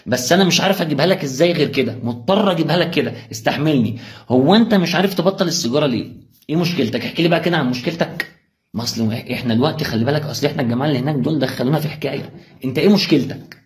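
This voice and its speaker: A young man with an Egyptian accent giving a motivational religious talk, firing rhetorical questions straight at the listener. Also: fairly high pitch. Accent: Egyptian Arabic. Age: young adult. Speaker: preacher.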